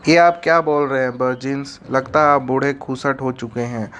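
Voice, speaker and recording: A man voicing an indignant young female secretary in an animated story, brushing off an accusation rudely. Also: medium pitch, normal speed, clean tone, lightly acted. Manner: indignant, rude.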